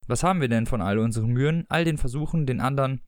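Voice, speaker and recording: A man's voice: medium pitch, dry recording, natural voice. A man reading a dry, scheming old husband. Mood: scolding. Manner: dry, unhurried. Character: frail elderly husband, cool and scheming.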